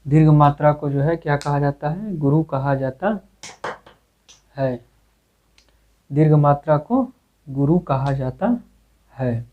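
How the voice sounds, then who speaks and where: A man's voice: fairly high pitch, takes it slowly, pauses often. A male teacher giving a grammar lesson, asking questions and answering them himself with many repetitions. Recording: tinny phone-like recording.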